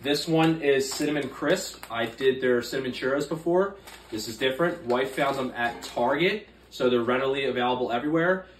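A man's voice: medium pitch, moderate pace. A man in his thirties giving a casual review to camera in short, punchy phrases, recorded in a home kitchen on a phone a few steps away. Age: 30s. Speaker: food reviewer. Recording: roomy, distant mic, faint background noise.

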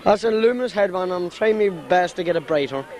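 A man's voice: high-pitched, animated, fast talker, a little mellow. A young man with a Donegal Irish accent chatting in a jokey, bantering way, filmed outdoors on a camcorder. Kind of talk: casual street chat. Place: outdoors in a town street at night. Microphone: camcorder at arm's length. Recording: amateur camcorder in outdoor street.

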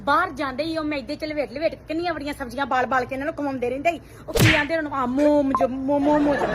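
Punjabi lady ranting fast and high, lots of "hain?", loud crowd and noise behind. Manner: grumbling, rhetorical questions. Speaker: comedy sketch performer. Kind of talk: comic monologue as a scolding mother.

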